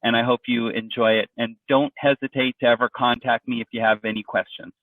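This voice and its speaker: A man's voice: mid-range voice, little pitch movement, fairly quick, a bit bright, no echo. A man giving an informal presentation, talking in a loose, conversational way with frequent fillers and restarts. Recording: dry, distant, phone-like audio.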